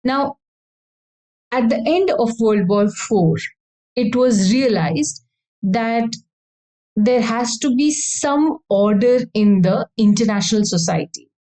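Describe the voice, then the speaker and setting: A woman's voice: a little high, lively intonation, slow, warm tone, poor audio. A woman with an Indian English accent giving an explanatory law lecture, often repeating and rephrasing her points. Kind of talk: educational lecture.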